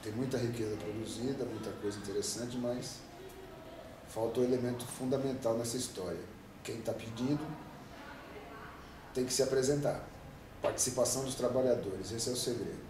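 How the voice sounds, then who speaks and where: A Brazilian man in his fifties with a mid-range voice speaks at a normal pace with fairly even intonation and frequent pauses. He is a union president giving long, emphatic, rambling interview answers packed with rhetorical questions. The recording comes from an echoey room with a distant mic and faint noise.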